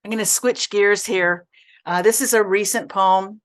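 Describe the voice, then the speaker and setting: An older woman, the featured poet at a café open mic, reading her poems in a measured, deliberate way and drawing out certain phrases slowly. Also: mid-range voice, fairly even intonation. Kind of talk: poetry reading.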